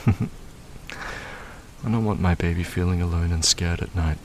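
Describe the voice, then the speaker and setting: A man speaking softly in a comforting audio roleplay, soothing and murmuring, with frequent sighs and hums. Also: low voice, a little slow, background noise.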